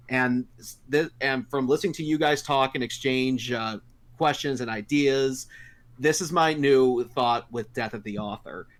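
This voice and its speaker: A man's voice: medium pitch, a bit bright. A man hosting a casual panel discussion, talking with many fillers and restarts. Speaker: podcast host.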